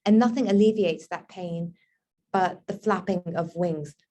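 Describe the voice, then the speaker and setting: A woman from Lebanon with a fairly low voice and a dark, mellow tone answers book club questions over a video call. She muses as she talks, fills her pauses with soft hums and now and then lights up with wonder. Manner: reflective and musing, with many soft fillers; bursts of wonder and excitement. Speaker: author being interviewed.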